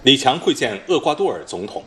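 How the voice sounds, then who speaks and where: 男新闻主播，正式播报，语调起伏明显，标准普通话. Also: male voice, mid-range voice, very animated, fairly bright tone. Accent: standard Mainland Mandarin. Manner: formal news anchor delivery, measured and authoritative. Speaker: news anchor. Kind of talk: formal scripted news reading. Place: broadcast news studio.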